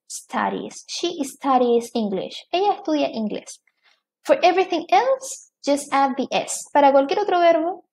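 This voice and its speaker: A woman teaching English grammar in Spanish, speaking her English examples slowly and often checking in with her students. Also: high voice, darkish tone. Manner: slow, careful reading of example sentences. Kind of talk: online grammar lesson.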